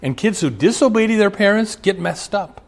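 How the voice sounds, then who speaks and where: A man's voice: high voice, animated, moderate pace, creaky, slight background noise. A middle-aged man from Omaha preaching a sermon as pastor, speaking earnestly and addressing fathers directly with rising emphasis. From Omaha, USA.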